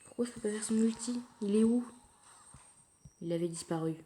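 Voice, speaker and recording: A woman giving casual commentary while playing a mobile game, thinking aloud in a quiet, low-key way, recorded through her phone. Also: normal speed. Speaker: mobile gamer narrating her play. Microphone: phone screen recording.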